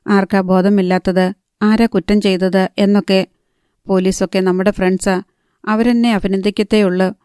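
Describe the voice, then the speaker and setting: A woman narrating a novel in a calm, even storytelling manner. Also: mid-range voice, moderate pace, smooth, no echo, studio quality. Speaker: audiobook narrator.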